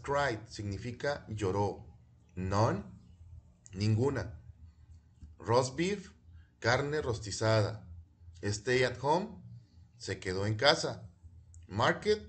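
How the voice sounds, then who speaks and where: A man teaching English to young pupils in a bilingual video lesson, repeating words slowly and clearly. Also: lowish voice.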